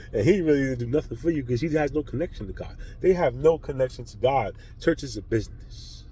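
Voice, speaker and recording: A man's voice: medium pitch, darkish tone, husky, low-quality recording. A man vlogging a blunt, profane spiritual monologue with heavy emphasis.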